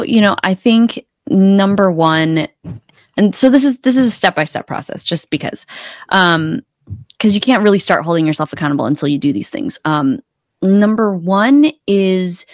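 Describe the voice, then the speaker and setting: A woman in her thirties, an accountability coach, guests on a podcast over a video call from a room at home, casually explaining things step by step. Her low voice is captured dry and at studio quality through a close desktop podcast mic.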